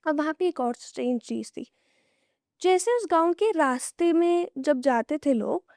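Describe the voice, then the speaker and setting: High-voiced young woman telling horror tales. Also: animated, a little slow, darkish tone, dry recording, clean studio sound. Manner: casual, draws the listener into hypotheticals. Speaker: horror storyteller guest. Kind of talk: conversational horror storytelling on a podcast.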